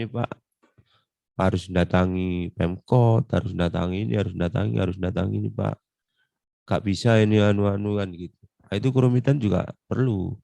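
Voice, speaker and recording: A middle-aged man with an East Javanese accent giving a chatty classroom lecture on law practice, acting out client talk in quick asides. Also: on the low side, gravelly, a little mellow, dry recording.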